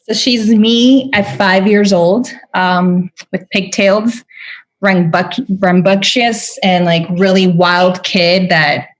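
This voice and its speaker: A young Venezuelan woman, a spiritual guide appearing as a podcast guest, chats earnestly in a casual interview, using many fillers and restarting sentences often. Her medium-pitched voice is slow with fairly even intonation.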